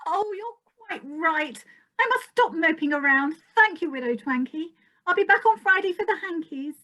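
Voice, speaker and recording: A very high, plaintive voice, a woman playing a disillusioned fairy-tale princess in a comic pantomime. She sounds young, mopey and given to sighing. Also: animated, normal speed, bright, forceful tone, heavily acted. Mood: resigned.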